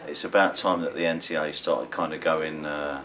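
Guy in recovery talking in a vox pop, really deep voice, earnest. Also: steady tone, moderate pace, sharp tone. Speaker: person in recovery. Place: indoor studio with dark backdrop.

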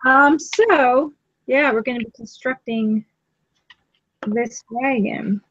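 A woman's voice: fairly high pitch, takes it slowly, fairly bright tone, dry recording. Chatty woman hosting a lo-fi craft stream. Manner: chatty, easygoing, talks while working. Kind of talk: casual live craft-stream chat. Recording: lo-fi live-stream audio.

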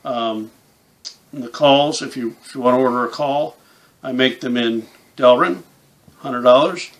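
A medium-pitched man in his fifties speaks at a measured pace as he walks through a casual, plain-spoken hands-on tutorial step by step. He instructs and makes game calls, and he's set up in a small indoor room with a camouflage backdrop.

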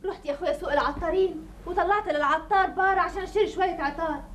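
A woman's voice: very high voice, rapid-fire, a bit bright, a little hiss or hum. An actress playing a chatty, gossiping woman of the common folk in a period TV drama. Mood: gossipy.

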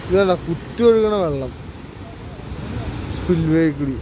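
A man in his twenties with a Kerala Malayali accent talks to viewers in a casual travel vlog style. His voice sits high for a man, and he slips English words into his Malayalam. It is recorded on a handheld phone outdoors, with plenty of ambient roadside noise. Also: lively intonation, a little slow. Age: 20s. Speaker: travel vlogger. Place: outdoors by roadsides, dam and waterfall. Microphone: handheld phone at arm's length. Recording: noisy outdoor roadside, wind and traffic.

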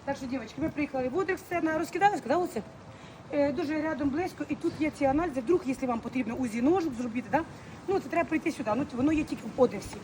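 A high-voiced woman talks quickly and affectionately to her followers as she walks. She films on her phone, with loud street noise all around. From Ukraine. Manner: chatty, affectionate, mixes Ukrainian and Russian words. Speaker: vlogger. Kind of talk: walking vlog to followers. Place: outdoors on city streets, then in a clinic hallway.

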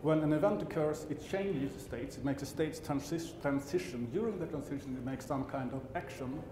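A middle-aged Swede with a Swedish accent gives a technical talk on stage in a large conference hall, with roomy sound, background hum, and a crowd audible. His voice is on the high side at normal speed, and he often stops to correct himself, tossing in dry asides.

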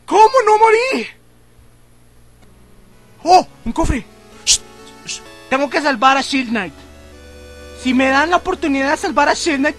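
A young man commentating his gameplay, yelping and exclaiming at every turn. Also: extremely high pitch. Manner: excitable, yelps and shouts at the game. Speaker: gamer. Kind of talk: let's play commentary.

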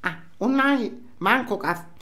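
A man's voice: high voice, animated, takes it slowly, sharp tone, full character voice. An older man playing a nosy, indignant Sicilian housewife in a comic monologue, scolding and repeating himself in Sicilian dialect. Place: small indoor room, seated facing camera.

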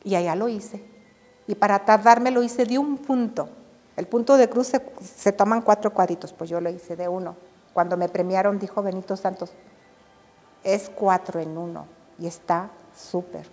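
An older Mexican woman recalls her years as an embroidery artisan in a lively interview. She tells her stories with animation, voicing the people she quotes. Her voice, of middle pitch, carries a long reverb. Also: moderate pace. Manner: animated storytelling, acts out quoted dialogue. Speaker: embroidery and drawn-thread artisan. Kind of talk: reminiscing interview.

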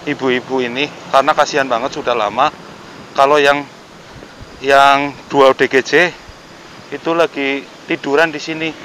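Wearing a face mask that slightly muffles him, a middle-aged Javanese-accented man vlogs on location about helping homeless people, chatting casually and politely in a yard and along a riverside by a road bridge. He has a mid-range, fairly bright voice, and a little hiss or hum runs under the recording.

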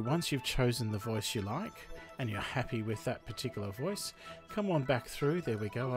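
A man from Australia talks through a screen-recorded software tutorial at a middle pitch. His delivery is chatty and walks through each step. Faint music plays underneath. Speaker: tutorial host.

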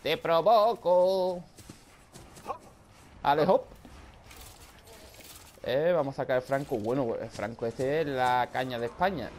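A man with a Spain Spanish accent giving loud, excitable live gameplay commentary, often shouting and swearing. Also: medium pitch, takes it slowly, long pauses, a little hiss or hum. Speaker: gaming video creator.

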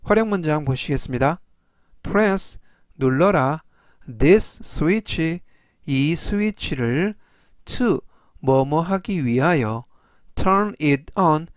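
A man teaching English vocabulary in a scripted lesson, repeating each word three times in a slow, even way. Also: on the high side, dry recording, studio quality.

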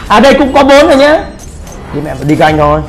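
A man's voice: very high-pitched, big pitch swings, a little fast. A man giving brash live commentary on a game he is playing, swearing and trash-talking his teammates. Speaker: gaming streamer.

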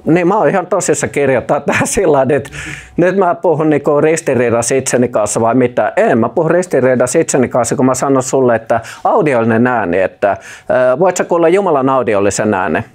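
A man preaching a sermon in an informal, direct way, with many hesitation fillers. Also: medium pitch. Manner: lively rising and falling delivery with frequent hesitation fillers; informal speech, addresses listener directly.

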